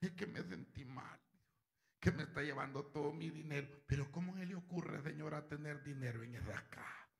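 A man's voice: on the high side, moderate pace, creaky. A stern policeman scolds in a matter-of-fact way, as a preacher acts him out. His tone is dry and unimpressed. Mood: scolding.

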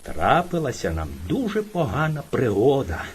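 A woman's voice: a bass voice, wildly swooping pitch, normal speed, a little mellow, a little hiss or hum, heavily acted. A woman doing a fawning, sly little hare. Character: timid, cunning little male hare.

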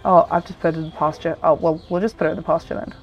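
A woman's voice: deep voice, fairly even intonation, very fast, lo-fi sound, soft background music. A woman with a nasal, blocked-nose voice from a cold, chatting casually and ramblingly as she hosts gameplay commentary. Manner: chatty, rambling, self-interrupting. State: congested with a cold. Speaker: gaming video host.

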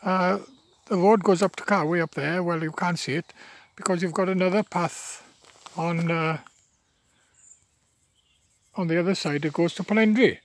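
Filming from behind his handheld phone on a country path by wetland, a chatty local walker in his seventies from Wales talks at a moderate pace, pausing often. His voice is high, Welsh is his first language and colours his accent, and he sounds weary, with many fillers and restarts over slight background noise.

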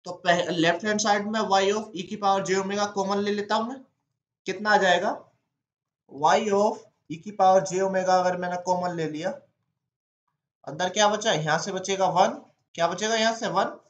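A man's voice: high-pitched, fairly even intonation, a little slow, reverberant, lo-fi sound. A man teaching an exam-prep lesson, walking through each step by asking himself questions and then answering them.

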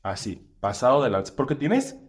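A man, a stand-up comedian chatting casually as a podcast guest, slangy and animated, with lots of fillers. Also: medium pitch, moderate pace.

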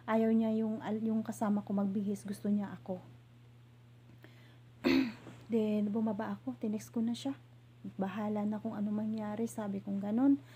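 A woman from the Philippines telling a hurtful story from her job as a domestic helper, in a halting way with many restarts. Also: medium pitch, mellow, slight background noise. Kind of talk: emotional personal storytelling.

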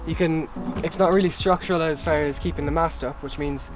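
A young adult man with a fairly high voice talks briskly as he gives a relaxed, matter-of-fact tour of his small sailboat in a harbour outdoors. He explains things with fillers in this casual vlog, filmed on a camera held by someone nearby, with music in the background.

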